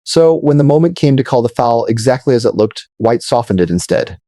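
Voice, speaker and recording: A man narrating scripted video commentary in a measured, dramatic storytelling manner. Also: mid-range voice, lively intonation, dark tone.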